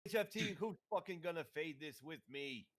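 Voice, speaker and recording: A man's voice: a little high, animated, normal speed, fairly bright tone. Hyped, swearing man trading crypto live. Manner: hyped and profane, exclaims often. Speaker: crypto trader on a live stream. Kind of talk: casual chat on a live stream.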